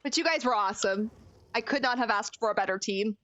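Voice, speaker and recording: A woman's voice: a little high, fast talker, a bit bright, no room sound, lo-fi sound. A woman streaming a game, chatting casually with viewers and reacting expressively, swinging between frustrated cries and laughs. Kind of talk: casual gaming commentary.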